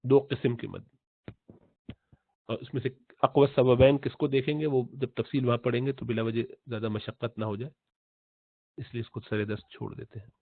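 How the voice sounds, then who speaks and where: A man teaching tajweed in Urdu, explaining slowly, repeating letter sounds and chanting recited verses in long drawn-out tones. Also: medium pitch, steady tone, dry recording. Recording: tinny phone-like audio, dry.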